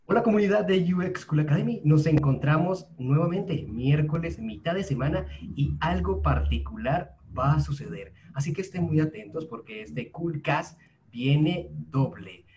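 A man's voice: a little high, expressive, moderate pace, dark tone, faint music behind. A young adult man from Colombia hosting a podcast, speaking with enthusiasm and addressing his audience directly. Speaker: podcast host. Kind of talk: casual conversational interview.

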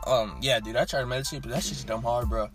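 A man's voice: mid-range voice, fairly even intonation, fast. A young man in casual conversation, talking like a frat bro with plenty of slang and swearing. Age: young adult. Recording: music behind, slightly off-mic. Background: music.

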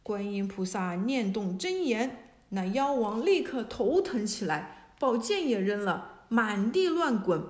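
A woman narrating a classic myth as a storybook reading. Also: mid-range voice. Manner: slow, even storytelling. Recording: echoey room.

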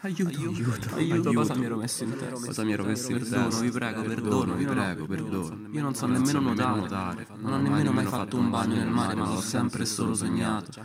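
A man's voice: medium pitch, fast, over a noisy crowd, pitched above the performer's own voice, close to an everyday voice. A man voicing a chorus of talking shell-coins in a storybook, who wail and beg in frantic panic. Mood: panicked pleading. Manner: frantic, pleading, wailing.

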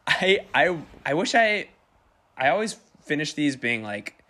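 A man's voice: fairly high pitch, very animated, a little slow, pushed and bright. A man chatting casually and rambling over a video call, laughing often. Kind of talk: casual chat.

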